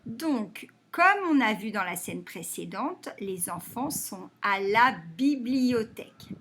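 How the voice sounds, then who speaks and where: A woman teacher giving a phonics lesson to young children, saying words slowly and clapping them out syllable by syllable. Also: fairly high pitch, animated, fairly bright tone. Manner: slow and deliberate, stretching and clapping out words syllable by syllable.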